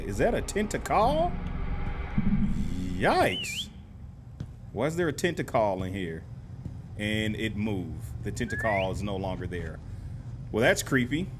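Young male gamer, lively pitch, teasing banter, some background noise. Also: normal speed, long pauses. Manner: playful, trash-talking the enemies. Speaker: gaming commentator. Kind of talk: horror game commentary.

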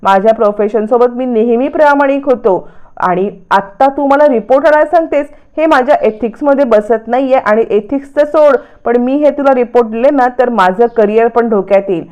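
A woman's voice: on the high side, normal speed, darkish tone, dull audio, close to an everyday voice. A woman voicing a principled young male doctor who refuses firmly and reasons out his objection. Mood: firm refusal. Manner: firm, reasoning.

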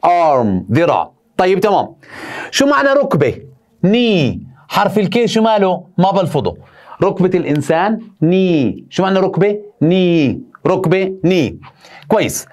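A man's voice: sits high, a little mellow. A male teacher, drilling vocabulary by asking and answering his own questions. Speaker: English teacher. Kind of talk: vocabulary lesson, repeating words.

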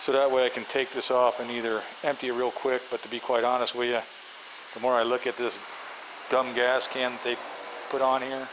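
A middle-aged man films himself on a handheld camera inside a work trailer. He walks through the trailer and explains it in an offhand, rambling way. His voice sits in an ordinary middle register, and the audio carries a clear layer of hiss and noise. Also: mid-range voice, level tone, fairly quick. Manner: rambling, practical, offhand with fillers. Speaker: pressure washing business owner. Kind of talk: casual how-to walkthrough. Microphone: handheld camera mic, filming while walking.

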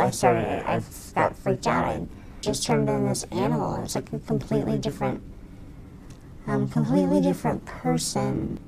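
A woman in her thirties whose voice is electronically altered to sound deep, giving testimony haltingly with many fillers and restarts. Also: low-quality recording.

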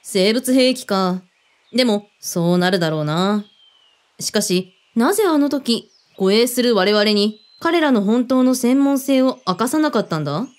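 In an audio drama, an actress voices the gruff, commanding head of a covert team, talking in blunt, casual, masculine phrasing. Her female voice sits fairly high and sounds animated yet unhurried, with a probing, wry mood.

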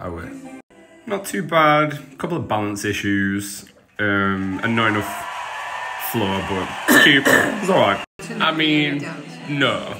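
A man talks over a television dance show at home, handing out quick verdicts and slangy praise. His pitch sits in the middle of the male range. Clear show music runs underneath his voice the whole time. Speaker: vlogger reviewing a dance show. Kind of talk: casual live reaction commentary. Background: TV show music playing.

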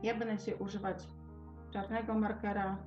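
A woman's voice: medium pitch, little pitch movement, fairly quick. Woman teaching over a bad connection. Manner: friendly, instructing, greets participants. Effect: bad connection, lo-fi video call audio. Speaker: teacher in an online class. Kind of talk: leading a class over a video call. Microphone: computer mic on a video call. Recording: dull lo-fi call audio with music.

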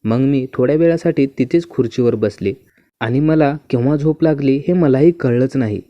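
A man narrating a first-person story in a smooth, even and unhurried reading manner. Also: medium pitch, no room sound. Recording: dull, muffled dry recording.

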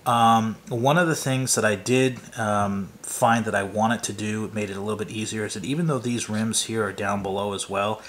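A man's voice: on the low side, fairly even intonation, moderate pace, few pauses, fairly bright tone, a little hiss or hum. Rambling man talking through a model build. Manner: loose, rambling, many fillers and restarts. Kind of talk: hands-on build walkthrough. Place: workbench, off camera.

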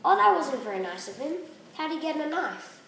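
A fairly high-voiced woman chats and jokes through a casual shooter-game session. She keeps up a playful, sing-song banter with her friend. Her voice sounds far from the mic in a roomy, noisy recording. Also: sing-song, brisk. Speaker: co-host of a gaming podcast.

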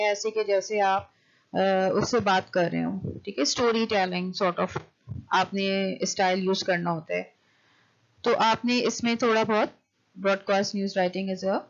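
A woman lecturer teaches a recorded class at an unhurried pace. She dictates each English point word by word, then explains it in quick asides, checking in with "okay" again and again. The recording sounds muffled and lo-fi. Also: mid-range voice. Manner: reads English points slowly, then explains them fast, often saying "okay". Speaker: university lecturer. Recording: dull lo-fi recording.

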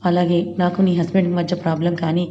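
A man's voice: sits high, level tone, fast talker, warm tone, lightly acted. A woman voicing a stern but caring young man in a wheelchair, speaking firmly and reassuringly, on a dull lo-fi recording. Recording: dull lo-fi with faint hiss.

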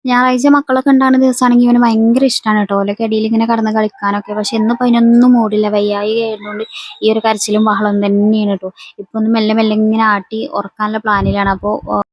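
Chatty husky woman, quick talk. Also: a little high, little pitch movement, no room sound, rough recording. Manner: chatty, ends sentences with "tto". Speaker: vlogger, mother. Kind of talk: casual voice-over vlog narration. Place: home.

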